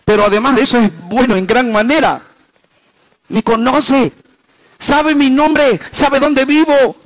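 His intonation stays fairly even overall as this male pastor moves between loud, high emphasis and hushed, low passages, slowing on key phrases and asking the congregation rhetorical questions. There's no echo, though the audio is poor.

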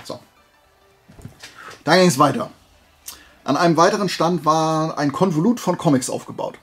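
Faint music runs behind a man whose voice is fairly high and a little bright, moving at a moderate pace. He's the host of a flea market haul video, chatting casually through a show-and-tell with a collector's excitement and self-posed questions.

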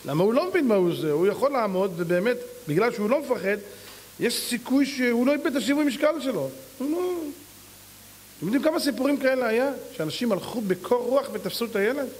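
A man's voice: expressive, darkish tone, breathy edge. A man preaching as a rabbi, emphatic and full of rhetorical questions. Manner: emphatic, mimics others in high voices, rhetorical questions. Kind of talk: sermon. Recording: long hall reverb.

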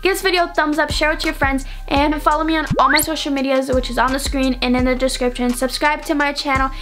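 A woman's voice: high-pitched, level tone, fast talker, a bit bright, soft background music. A young woman vlogger telling a personal story in a casual, rambling way, dropping "like" into nearly every phrase.

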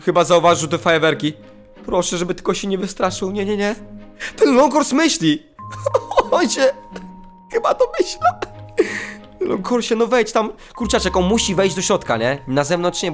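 Excitable high-voiced man playing a game. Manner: excitable, exclaiming, talking to viewers. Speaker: gaming channel host. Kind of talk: let's play commentary. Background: faint game music.

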